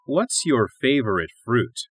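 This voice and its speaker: A man reading lines of an English listening test dialogue, slow and carefully enunciated. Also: medium pitch, big pitch swings, husky, dry recording. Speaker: test audio reader.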